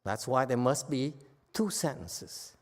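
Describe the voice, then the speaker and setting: A man with a mid-range voice and a Vietnamese accent, a Buddhist teacher, lectures on the dharma in a temple hall, speaking slowly but animatedly. He teases bluntly and often pauses to ask "okay?"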